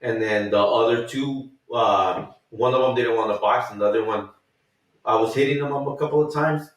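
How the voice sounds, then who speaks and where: A man's voice: mid-range voice, moderate pace, far from the mic. Thirties man from the US, casual profane storyteller, roomy off-mic sound. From United States. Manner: profane, rambling, animated retelling with acted quotes. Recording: echoey room, off-mic.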